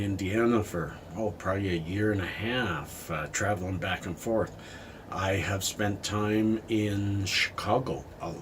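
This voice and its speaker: A middle-aged man from Canada, slightly out of breath after a cold walk, talks casually and warmly to his viewers, rambling from one thought to the next. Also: on the low side, a little hiss or hum, poor audio. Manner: rambling, heartfelt, addresses viewers as friends. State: a little out of breath. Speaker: vlogger. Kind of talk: casual talk to camera. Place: outdoors in the cold.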